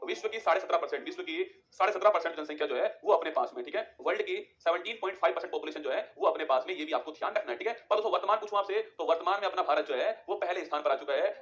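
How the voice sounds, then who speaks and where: Fast-talking high-voiced male teacher. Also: a bit bright. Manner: rapid, repetitive drilling of facts with rhetorical questions. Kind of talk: exam-prep geography lesson.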